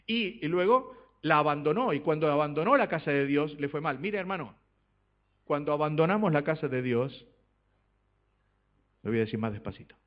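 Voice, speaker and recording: Male pastor, passionate sermon delivery with rhetorical questions, slightly high voice, dull lo-fi church recording. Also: animated, normal speed, pauses often. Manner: impassioned, swinging between loud exhortation and soft asides; asks the congregation rhetorical questions.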